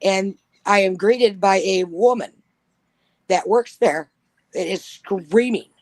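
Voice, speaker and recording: A woman's voice: medium pitch, slow, darkish tone, no room sound. A woman telling a long, profane story in a casual chat. She laughs often and acts out the people she quotes.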